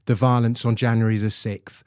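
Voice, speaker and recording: A man's voice: mid-range voice, flat delivery, normal speed, a little mellow, smooth, dry recording. Indignant male commentator, dry studio sound. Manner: indignant, emphatic. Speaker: guest commentator. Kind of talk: studio discussion.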